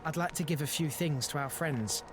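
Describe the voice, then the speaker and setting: A man's voice: a little high, normal speed, natural voice. Earnest young sailor, a man voicing him. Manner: earnest, compassionate. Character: kind-hearted young male sailor. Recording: game audio with clear music behind.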